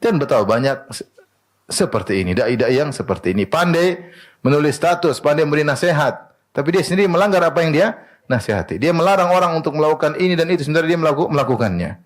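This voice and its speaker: A man preaching in an animated way. His voice sits somewhat high for a man. He poses questions to his listeners and answers them himself. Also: quick pace. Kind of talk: sermon.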